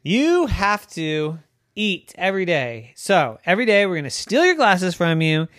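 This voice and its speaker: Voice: mid-range voice, big pitch swings, a little slow, fairly bright tone, dry recording, studio quality, voice pushed up. A storyteller voicing a frog's family, talking in a blunt, matter-of-fact, scolding way. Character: blunt, bossy frog family.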